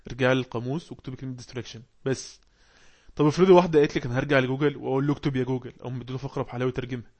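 Fast-talking Egyptian man teaching English. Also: mid-range voice, a little mellow. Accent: Egyptian Arabic. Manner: explains words with quick questions to the class; reads English passages slowly. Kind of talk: online class for learners.

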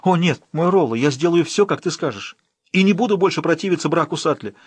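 A man's voice: fairly high pitch, expressive, fairly quick, breathy edge, no echo, voice pushed up. Man voicing a proud, passionate young woman. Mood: pleading. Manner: pleading, then firm and cold.

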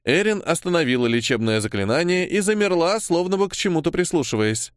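A man narrating an audiobook in a steady storytelling voice. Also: fairly high pitch, a little fast, no echo, clean studio sound. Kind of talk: scripted narration.

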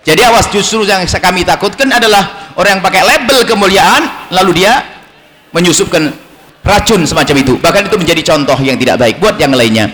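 Man, preacher, high pitched, quick delivery, animated sermon, echoey hall. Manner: animated, acts out dialogues in changed voices. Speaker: Islamic preacher. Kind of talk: sermon to students. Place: school hall with audience. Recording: echoey hall, long reverb.

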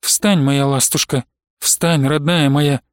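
A man reading the part of a stern but loving old abbess, speaking in measured, solemn phrases. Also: on the high side, no echo, studio quality, natural voice. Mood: tender grief. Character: stern aging abbess, dignified yet loving.

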